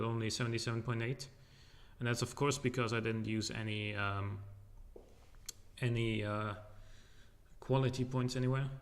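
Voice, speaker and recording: A man's voice: mid-range voice, creaky, fairly bright tone. A man streaming a game in loose, rambling casual commentary, his voice echoing in a large, empty living room. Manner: rambling, loose and joking, with many fillers. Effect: echo from a large empty room.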